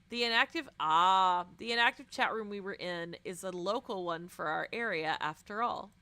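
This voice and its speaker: A young female streamer reads a visual novel aloud with plenty of expression, breaking in with dramatic, casual, animated asides. Her pitch sits in the middle range.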